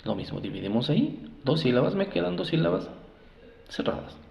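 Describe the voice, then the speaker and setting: A man teaching English pronunciation, repeating each word slowly several times as a drill. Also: fairly high pitch, very animated, creaky, darkish tone. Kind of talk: phonics lesson. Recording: echoey room, dull lo-fi sound.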